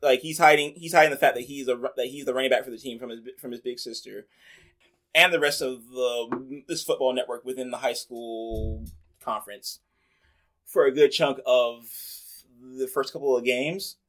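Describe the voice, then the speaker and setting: Chatty man with a mid-pitched voice. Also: normal speed, a bit bright. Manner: chatty, rambling, many "like" fillers. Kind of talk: casual chat.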